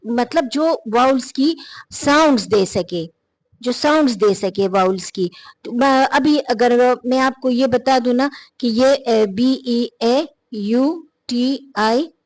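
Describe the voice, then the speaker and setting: A woman's voice: on the high side, a little mellow. A woman teaching an English phonology lesson, patiently repeating and spelling out words letter by letter.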